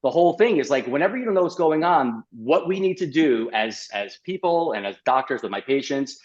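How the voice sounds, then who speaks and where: A middle-aged man, a doctor as guest, telling his story in a lively podcast interview, full of fillers and "like". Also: medium pitch, brisk, muffled recording. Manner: animated, uses many fillers and "like".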